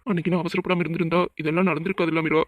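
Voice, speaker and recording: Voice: medium pitch, little pitch movement, racing, dry recording, lightly acted. A performer voicing a worried, protective young boyfriend who presses with urgent questions in a cartoon drama.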